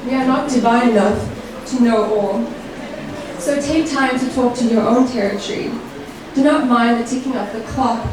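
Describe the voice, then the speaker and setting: A woman performing a reflective spoken-word poem with slow, lyrical delivery. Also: on the high side. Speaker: poet. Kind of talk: spoken-word poetry reading. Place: live event room. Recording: echoey room heard from far off with background noise.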